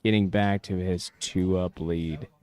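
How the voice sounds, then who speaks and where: A man's voice: low voice, fairly even intonation, takes it slowly, darkish tone, a little hiss or hum. A man working as a golf commentator, calling a match live in short descriptive phrases full of golf jargon.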